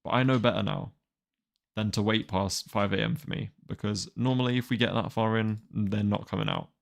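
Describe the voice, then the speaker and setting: A twenty-year-old man talks casually to his stream. His voice sits low with a gravelly edge. He rambles, sounding wry and exasperated. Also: steady tone, a little fast. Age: 20s. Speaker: manga reaction streamer. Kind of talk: casual live-stream chat.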